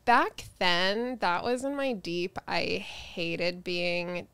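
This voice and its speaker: A woman's voice: fairly low pitch, animated, extremely slow, fairly bright tone, clean tone, no echo. A woman in her thirties from New Jersey, chatting casually as a guest comedian on a podcast and laughing often. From New Jersey, United States. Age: 30s.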